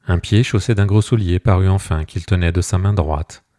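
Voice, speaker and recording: Audiobook narrator, man, low mellow voice, measured delivery, dry close sound. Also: no room sound. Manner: measured storytelling. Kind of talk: scripted narration.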